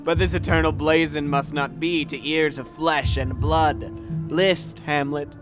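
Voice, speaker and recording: A man acts out the tormented ghost of a murdered king in a Shakespearean audio drama. The voice is fairly high for a male and very slow, declaiming each phrase with solemn, drawn-out weight. Music plays clearly underneath. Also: fairly even intonation, close to an everyday voice. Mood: ominous, solemn.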